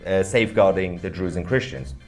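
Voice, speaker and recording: A man co-hosting a podcast with casual political commentary, measured and hesitant with frequent pauses. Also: low-pitched, soft background music. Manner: measured, hesitant with many uhs. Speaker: podcast co-host.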